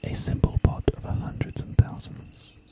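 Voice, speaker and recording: Speaking in a soft whisper at a moderate pace, this ASMR live streamer chats with his audience in a relaxed, comforting manner, never rushing.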